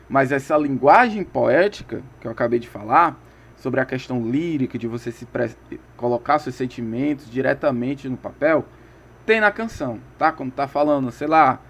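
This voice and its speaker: A man from Brazil gives a relaxed video lesson, his voice sitting a little high for a man. He keeps the tone loose and chatty, stopping often to ask whether his students are following. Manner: casual, keeps checking in with listeners. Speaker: teacher.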